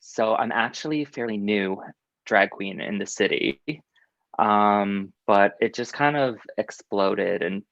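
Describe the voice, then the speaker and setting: A man's voice: lowish voice, a little slow, vocal fry, fairly bright tone, no room sound. A man, a drag performer, being interviewed in casual chat, upbeat and laughing often. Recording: dull, dry lo-fi audio.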